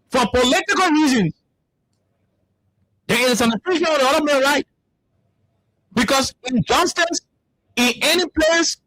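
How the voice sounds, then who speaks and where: High-voiced impassioned Liberian man. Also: a bit bright, no echo, low-quality recording. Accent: Liberian English. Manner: impassioned, repeats words when heated. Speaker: talk show host. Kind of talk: political panel commentary.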